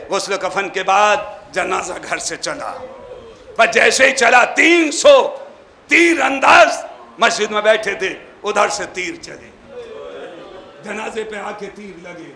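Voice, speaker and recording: A man reciting a mourning sermon in a hall, impassioned and often shouting and chanting the lament. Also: high-pitched, expressive, a little slow, creaky. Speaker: majlis reciter. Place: indoor mourning hall gathering.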